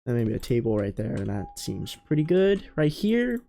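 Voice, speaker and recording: A man's voice: medium pitch, sing-song, moderate pace, vocal fry, warm tone, a little hiss or hum. A man hosting a let's play, giving casual commentary as he builds and thinking aloud, often trailing off, restarting and correcting himself. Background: faint background music.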